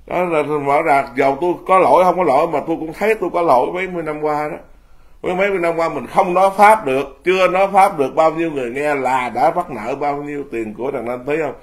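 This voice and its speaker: A man in his fifties, a Buddhist monk giving an informal talk, blunt and self-mocking, laughing often as he speaks. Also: on the high side.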